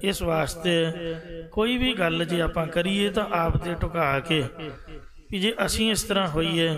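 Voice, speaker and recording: A man giving an earnest devotional sermon to a congregation, appealing to listeners and sometimes chanting lines. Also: fairly high pitch. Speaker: Sikh preacher giving katha. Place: gurdwara hall before congregation.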